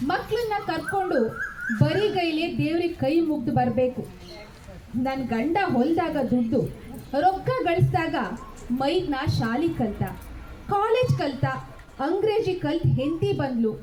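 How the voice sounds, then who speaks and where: A woman's voice: sits high, darkish tone, slight background noise. Woman playing a downtrodden young village wife. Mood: bitter. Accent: North Karnataka Kannada. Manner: plaintive, brooding lament. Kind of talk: dramatic story reading. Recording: roomy home recording.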